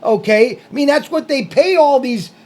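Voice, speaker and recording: A man's voice: very high-pitched, normal speed, darkish tone. A man hosting a casual podcast, rambling and heated, with many restarts and filler words. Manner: heated, raising his voice on his points. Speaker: podcast host. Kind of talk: casual talk-show rant.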